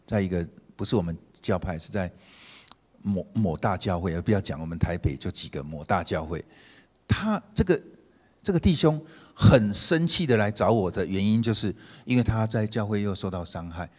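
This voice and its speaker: Man, pastor, husky low voice, animated storytelling sermon, long church reverb. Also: normal speed. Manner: animated storytelling, swings from emphatic to hushed and tender. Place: church sanctuary.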